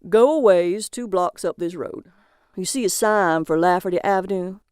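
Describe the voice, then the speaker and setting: A woman voicing a weary older small-town man who gives directions bluntly and slowly. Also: fairly low pitch, darkish tone, clean tone, no room sound, studio quality, close to an everyday voice. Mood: reluctant directions.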